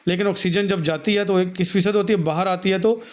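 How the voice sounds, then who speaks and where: This man's voice sits high and stays steady as he talks fast, a teacher with a Pakistani Urdu accent who reads from a textbook, then puts each point in his own words for the class. Addressing students warmly as "beta," he comes through on a dull, lo-fi recording.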